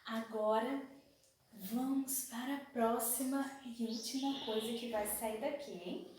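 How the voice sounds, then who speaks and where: A Brazilian woman teaching young children a phonics lesson, asking slow sing-song questions and stretching out syllables. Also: on the high side, fairly even intonation, darkish tone, very echoey, far from the mic, a little hiss or hum, rough recording. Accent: Brazilian Portuguese.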